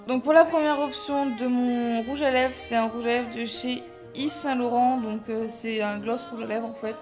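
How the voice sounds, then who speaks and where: A woman's voice: a little high, steady tone, normal speed. Chatty young woman, faint music behind. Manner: chatty, self-deprecating, many fillers and restarts. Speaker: makeup vlogger. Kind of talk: casual makeup tutorial voice-over.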